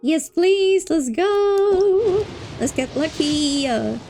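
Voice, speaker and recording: With a very high, darkish voice and lively, drawn-out delivery, a woman livestreams a game over soft background music. She chats with her viewers in a casual, playful way, repeating words and stretching them.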